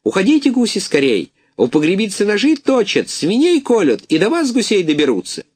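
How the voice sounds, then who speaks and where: Storybook jackdaw, shrill and jeering, a man puts it on, squawking high and loud. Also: huge pitch swings, a little fast, husky, no room sound, full character voice. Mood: alarmed. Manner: shrill, jeering, alarmed cries. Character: shaggy shrill gossiping jackdaw bird.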